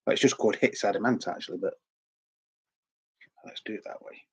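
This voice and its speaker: This is a middle-aged vlog host talking about record collecting in a chatty, meandering way, with lots of repeated words and a sore throat. He speaks fairly quickly in a lowish, slightly rough voice.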